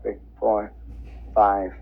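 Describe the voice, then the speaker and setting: Very deep, slow man dictating into a recorder. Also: flat delivery, vocal fry. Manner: halting, repetitive, counting aloud. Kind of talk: spoken dictaphone log, announcing dates and times. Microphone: tablet voice recorder. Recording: dull, noisy handheld voice-recorder sound.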